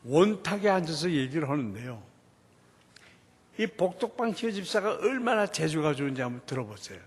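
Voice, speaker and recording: A man with a high, husky voice tells his church testimony as a story. His pitch leaps up and down as he acts out the people in it. A long reverb hangs on his words, as in a large hall. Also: normal speed. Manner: animated storytelling, acting out quoted dialogue. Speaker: church deacon giving a testimony.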